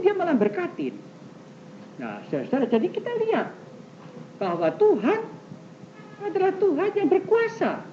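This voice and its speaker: An older man preaching a sermon as pastor, questioning the congregation directly and swinging between loud high exclamations and soft low asides. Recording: muffled old tape recording with faint hiss.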